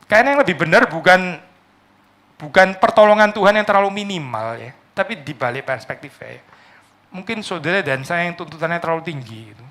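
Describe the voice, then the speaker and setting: A man preaching a sermon in a conversational way, swinging from loud mock complaints to soft asides. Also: high-pitched, lively intonation, brisk. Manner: conversational, tag words like "ya" and "gitu". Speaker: pastor.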